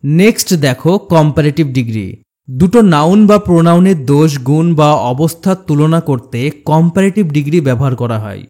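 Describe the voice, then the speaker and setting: A male teacher with a voice pitched a little high walks through a grammar lesson. His delivery is steady and scripted, and he often slows down to repeat example words for the learner. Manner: steady, explanatory, addresses learner directly.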